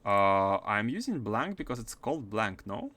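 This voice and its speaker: Playing a game on stream, a man with a fairly low voice and a mixed Russian-French accent chats at normal speed. His commentary is casual and full of fillers, punctuated by bursts of excitement.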